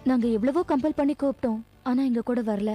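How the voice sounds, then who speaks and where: Woman playing a young actress talking to reporters, fast and earnest, highish voice, dubbed movie. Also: over loud music, close to an everyday voice. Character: young actress recounting her kidnapping to reporters. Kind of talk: dubbed film acting.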